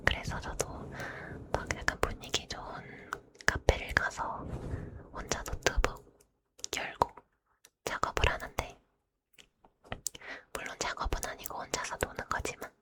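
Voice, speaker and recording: A woman ASMR host chatting casually to listeners in a soft, polite, breathy whisper. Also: unhurried, long pauses.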